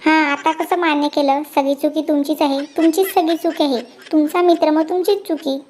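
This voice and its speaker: A performer voicing a meek cartoon cat wife who pleads and answers back, through a high pitch-shifted effect. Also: steady tone, moderate pace, a little mellow. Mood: pleading. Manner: pleading, defensive.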